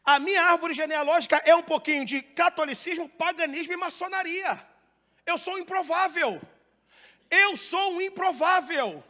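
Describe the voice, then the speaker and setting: A man with a Brazilian Portuguese accent preaching a fiery Pentecostal sermon in a church, swinging from loud shouts to quiet asides. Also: very high voice. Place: church hall. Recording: long hall reverb.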